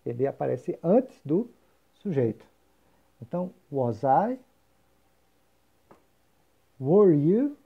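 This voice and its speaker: A man's voice: medium pitch, sing-song, a little slow, vocal fry, slightly rough. A man teaching English grammar, explaining patiently and repeating example phrases. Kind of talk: recorded grammar lesson. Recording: dull lo-fi recording.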